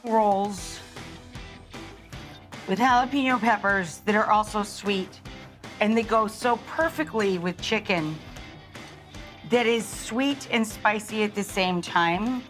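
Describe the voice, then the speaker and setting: Chatty woman hosting a slow cooking demo. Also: medium pitch, a bit bright, faint music behind. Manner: chatty, enthusiastic, talks to the viewers. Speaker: cooking show host. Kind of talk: casual cooking demonstration. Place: studio kitchen.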